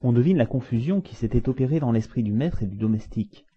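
A man narrating a classic adventure novel aloud in an expressive, dramatic reading style. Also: mid-range voice, fast, slightly rough. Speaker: audiobook narrator. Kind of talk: storybook narration. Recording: dull lo-fi recording.

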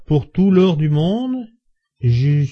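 A man's voice: mid-range voice, lively intonation, moderate pace, husky. A man reading aloud and voicing an agitated, slightly drunk young male servant who exclaims and protests. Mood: pleading. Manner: exclaiming, indignant, pleading. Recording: dull lo-fi recording.

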